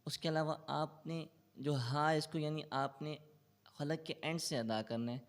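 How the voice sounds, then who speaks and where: A man's voice: fairly high pitch, steady tone. A man with a Pakistani Urdu accent, a Quran tutor answering interview questions and explaining tajweed patiently. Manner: recites in slow melodic chant; explains patiently with English loanwords.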